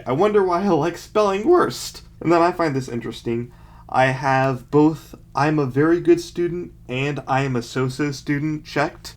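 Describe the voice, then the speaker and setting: A young man speaks casually at an average pitch, as a vlogger would. He reads short bits aloud and picks them apart with mocking, self-deprecating commentary. His asides are dry and sarcastic. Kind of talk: casual commentary, reading aloud from a childhood book.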